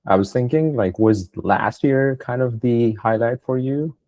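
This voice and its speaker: A man's voice: mid-range voice, unhurried, darkish tone, no room sound. A man hosting a podcast interview, talking loosely and hesitantly with many fillers. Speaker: podcast host.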